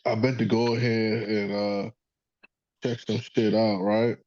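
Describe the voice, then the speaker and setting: A man's voice: on the low side, flat delivery, unhurried, darkish tone, dry recording, lo-fi sound. A man hosting a casual sports podcast, rambling and profane, joking with his son over a call. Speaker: podcast host.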